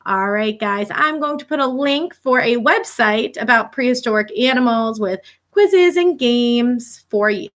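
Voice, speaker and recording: This teacher's voice is on the high side, and she reads unhurriedly yet with few pauses. She brings a children's book to life expressively and emphatically, stopping to ask her young listeners questions and make side remarks.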